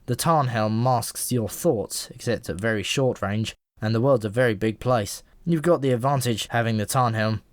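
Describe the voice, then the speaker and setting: In a studio-quality audiobook recording with no echo, a man lightly acts the part of a talkative, jaded pigeon, offering frank, offhand advice. He speaks at medium pitch and a moderate pace, pausing rarely.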